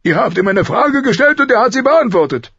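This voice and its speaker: A man voicing a gruff, angry middle-aged king who shouts his words, on a slightly dull recording. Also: high-pitched, big pitch swings, normal speed, no room sound, pitched above the performer's own voice, exaggerated voice. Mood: furious.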